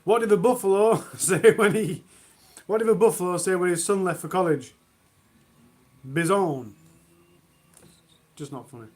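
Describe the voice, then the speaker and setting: Male streamer, high voice, reads bad jokes live from home and groans at them. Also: a little slow, pauses often, a little mellow. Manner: self-mocking, groans at own jokes. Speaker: livestream host. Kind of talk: reading jokes on a charity livestream.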